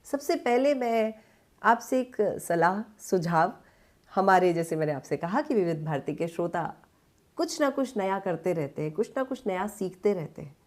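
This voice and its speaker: A woman's voice: fairly low pitch, expressive, normal speed, darkish tone. A woman radio presenter hosting an interview in a studio, polished and attentive, who keeps the talk moving with brief affirmations.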